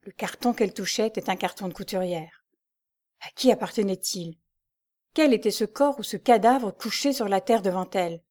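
A woman narrating an old serialized novel in a measured, suspenseful audiobook reading. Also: medium pitch, a little mellow.

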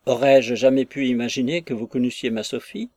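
A man's voice: medium pitch, fairly quick, a little mellow, dry recording, clean studio sound, close to an everyday voice. A man voicing a lovesick, earnest young man who speaks in effusive, impassioned outbursts, in an audiobook reading of a classic novel. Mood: smitten. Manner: impassioned, effusive, with sighs and exclamations.

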